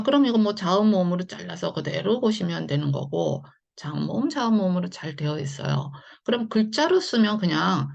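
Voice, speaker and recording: A woman with a low, gravelly voice teaches English phonics in an online lesson. She explains slowly and patiently, with lots of fillers. The recording sounds a bit dull and lo-fi. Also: darkish tone. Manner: slow and patient, with many fillers.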